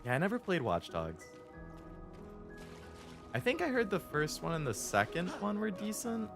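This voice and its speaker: A man's voice: high-pitched, huge pitch swings, moderate pace. A man giving casual, amused gameplay commentary and chat as a streamer. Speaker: video game streamer. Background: game music.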